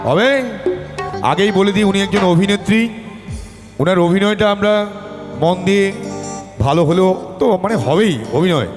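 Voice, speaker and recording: A man's voice: high voice, normal speed, pauses often, music in the background. A man anchoring a live stage show, joking with the audience and introducing the guest. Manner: joking, hyping up the crowd. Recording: stage PA with long reverb.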